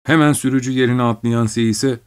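A man narrating a literary story in the first person, reading at a measured pace. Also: medium pitch, steady tone, smooth.

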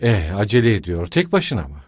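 A man voicing a brusque shouting magistrate. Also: fairly low pitch, big pitch swings, fairly quick, slightly rough, no echo, clean studio sound, voice pushed down. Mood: sharp questioning. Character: agitated sharp middle-aged male investigating magistrate.

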